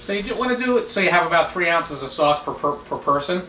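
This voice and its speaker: A man chef giving a step-by-step cooking demonstration in a relaxed, instructive way, stopping now and then to restart a phrase. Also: fairly high pitch, fast talker, slight background noise. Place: kitchen. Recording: echoey kitchen, mic at a distance. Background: sizzling pan sounds.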